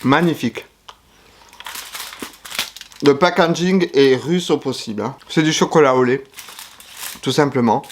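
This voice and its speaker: A man's voice: medium pitch, normal speed, a little hiss or hum. A man giving casual food-tasting commentary to camera, chatty and frank, sometimes talking while chewing. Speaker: YouTuber tasting foreign food.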